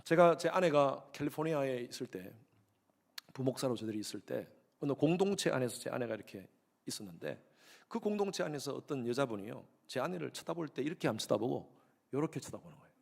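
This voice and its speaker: Emphatic Korean pastor preaching, gravelly voice. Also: male voice, mid-range voice, lively intonation, fairly quick. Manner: emphatic, repeats key phrases, asks the congregation questions. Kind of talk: Sunday sermon. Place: church sanctuary.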